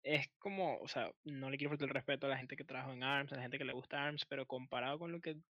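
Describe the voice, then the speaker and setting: A man's voice: medium pitch, fairly even intonation, fast, no room sound. Man on a call that keeps breaking up. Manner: laid-back, slangy. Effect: online call audio breaking up. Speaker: co-host. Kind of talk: casual chat. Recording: dull lo-fi dry call audio.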